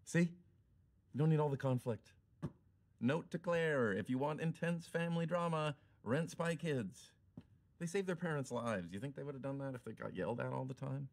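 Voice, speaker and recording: A man's voice: medium pitch, moderate pace, gravelly, darkish tone. An actor playing a goofy, upbeat father who is eager to be liked, in a sitcom. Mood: cheery. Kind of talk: sitcom acting.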